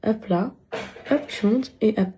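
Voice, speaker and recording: A woman's voice: on the high side, measured pace, dark tone, a little hiss or hum. A woman chatting casually with her followers in a vlog while doing her skincare at home, breezy and talking to them as girlfriends. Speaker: lifestyle vlogger.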